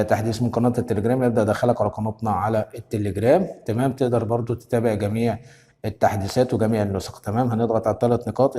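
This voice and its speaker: A tech tutorial host with an Egyptian Arabic accent walks viewers through a phone tutorial step by step, giving brisk instructions and constantly checking in with them. His medium-pitched voice is mellow, and the audio has a big-room sound.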